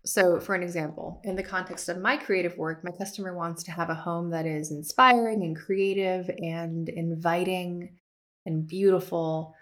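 A woman with a low, steady, fairly bright voice speaks at normal speed. Hosting an art business podcast as an art educator, she chats casually with listeners, laughs at herself, and punctuates points with upbeat emphasis.

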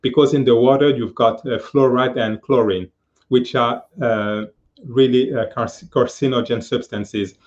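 A man in his fifties, a guest on a live-stream interview, speaking earnestly with many pauses and fillers over a video call. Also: mid-range voice, steady tone, darkish tone, lo-fi sound. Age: 50s.

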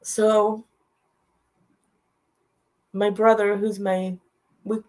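A woman's voice: mid-range voice, little pitch movement, extremely slow, darkish tone. A middle-aged woman telling a personal story as a guest, in a direct and heartfelt way, repeating her phrases. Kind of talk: emotional storytelling.

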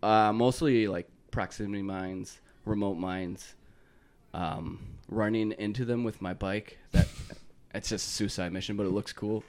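A man's voice: fairly low pitch, steady tone, a little slow, a little mellow. A man in casual chat with friends, talking easily and laughing often.

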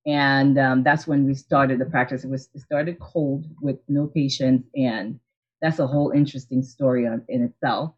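With a bass voice that is steady and slightly rough, a woman speaks at a moderate pace through dull audio. She is a Haitian optometrist and practice owner in her forties, a guest recounting her story over a video call in a casual interview. Her manner is earnest and reflective, full of restarts and soft laughs.

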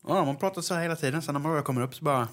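A man's voice: a little high, a bit bright. A man with a Jönköping Swedish accent, co-hosting a podcast in casual chat and animatedly mimicking other dialects. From Jönköping, Sweden. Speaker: podcast co-host.

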